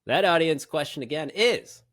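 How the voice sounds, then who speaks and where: A man's voice: a little high, moderate pace, dry recording. A man co-hosting a podcast in casual chat, teasing his friend and reading out quiz questions. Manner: teasing, animated. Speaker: podcast co-host. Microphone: phone camera.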